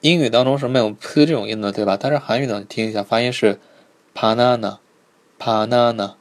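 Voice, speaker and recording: A man teaching a live online pronunciation lesson, patiently repeating each sound slowly and checking in with his students. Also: medium pitch. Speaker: Korean language teacher.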